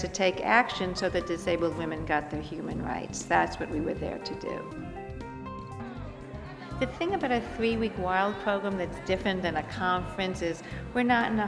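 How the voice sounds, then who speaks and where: A middle-aged woman, an organization leader, giving an earnest, emphatic documentary interview. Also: medium pitch. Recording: long reverb with music underneath.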